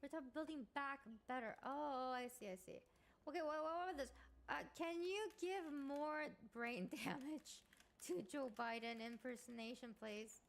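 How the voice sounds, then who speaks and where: High-voiced, giggly woman streamer. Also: moderate pace, vocal fry. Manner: giggly, playful, thinking out loud. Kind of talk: casual live-stream chat.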